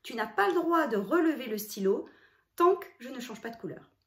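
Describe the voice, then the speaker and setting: With a high-pitched, slightly bright voice and lively intonation, a woman teaches young children letter writing at a fairly quick pace. She speaks to the child directly, explaining each stroke step by step. The room is echoey and spacious.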